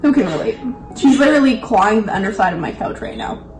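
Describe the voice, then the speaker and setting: A young woman chatting casually over food, telling stories in an animated, giggly way. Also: on the high side, fast talker, recorded from a distance, slight background noise. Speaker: co-host of a mukbang Q and A. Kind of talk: casual chat while eating. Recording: roomy echo with music behind.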